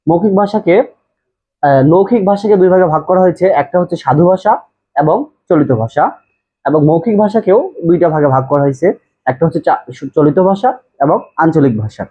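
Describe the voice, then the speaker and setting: A man's voice: on the high side, a little fast, husky. A man from Bangladesh teaching a class, explaining terms step by step, repeating key words and checking that students follow. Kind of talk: classroom lecture. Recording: tinny phone-like audio.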